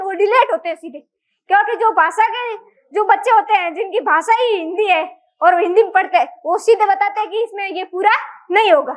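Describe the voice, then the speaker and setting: High-pitched woman teaching a class. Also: fairly bright tone, low-quality recording. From India. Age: adult. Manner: asks the class frequent questions. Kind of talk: classroom grammar lesson.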